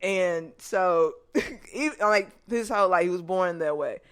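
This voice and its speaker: A woman hosting a podcast, telling childhood stories in a casual, animated way and laughing often. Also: fairly low pitch, unhurried, clean tone. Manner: animated, joking storytelling with lots of laughter. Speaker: podcast host. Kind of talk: casual chat, reminiscing.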